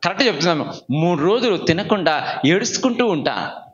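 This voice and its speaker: Lively high-pitched man preaching. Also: fairly quick, muffled recording. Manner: questions the congregation and has them raise hands; shifts between low asides and shouted calls. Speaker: pastor. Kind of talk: sermon.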